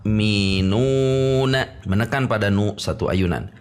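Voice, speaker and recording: A man's voice: fairly low pitch, expressive, moderate pace, soft background music. A middle-aged man teaching Quran recitation step by step, patiently sounding out and repeating each syllable.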